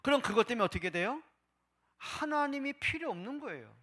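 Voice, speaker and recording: A male pastor preaching a Sunday sermon, asking rhetorical questions and voicing people's doubts, swinging between loud and hushed. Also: very high-pitched, animated, brisk. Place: church service.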